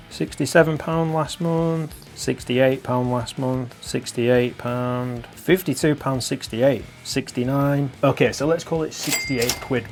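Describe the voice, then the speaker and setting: A young British man hosting a guitar channel, talking gear casually, swearing and laughing at his own jokes. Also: medium pitch. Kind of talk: casual gear talk to camera.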